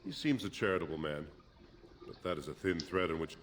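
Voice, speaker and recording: An actor playing a stern, formal dwarf archivist in a video game, speaking solemnly. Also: male voice, rumbling low, a little fast, slight background noise. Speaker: dwarven record keeper in a video game.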